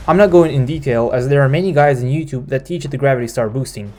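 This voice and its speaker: A man's voice: medium pitch, fast talker, a little mellow. Man narrating game guide, faint background noise. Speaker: gaming video host.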